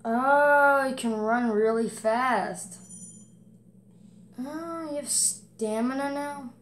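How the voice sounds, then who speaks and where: A woman's voice: high-pitched, extremely slow, a little hiss or hum. Woman game streamer, chatty let's-play commentary, echoey room. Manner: chatty, reacting aloud and reading on-screen text.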